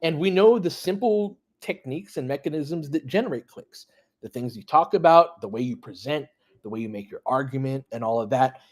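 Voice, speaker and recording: A former high school basketball coach, speaking at mid-range in an animated, fairly quick way, hosts a basketball live stream. He reacts as a partisan fan to plays and chat, mixing casual play-by-play with conversational, opinionated, sweary remarks.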